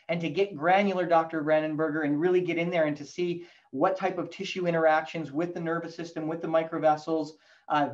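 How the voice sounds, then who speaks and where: A man in his forties, appearing as a guest expert on a video call, explains a technical topic fluently and in a lecturing style, gesturing animatedly. His voice is on the high side, picked up by a webcam mic in lo-fi sound.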